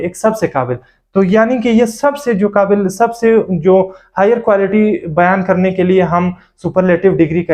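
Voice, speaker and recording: A man with a high-pitched voice gives a grammar lecture. He works steadily through lists of examples, stopping often on filler sounds as he explains. His tone is patient and step-by-step. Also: darkish tone. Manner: methodical, lists examples one by one; many filler pauses while explaining. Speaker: teacher.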